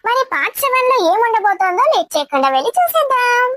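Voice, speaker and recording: A woman's voice: very high-pitched, very animated, fast, pushed and bright, no echo, clean studio sound. A woman hosting a drama channel, giving an upbeat scripted intro and asking viewers to subscribe. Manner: upbeat, friendly appeals. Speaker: channel host.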